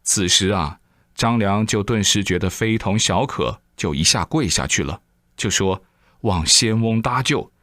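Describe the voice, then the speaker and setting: A male preacher spins a moral story with plenty of exclamations and acted-out moments. His voice sits low, and the recording is dry and close. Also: normal speed, dry recording. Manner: lively, exclaiming, acting out the scenes. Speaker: preacher telling a moral tale. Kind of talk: animated storytelling sermon.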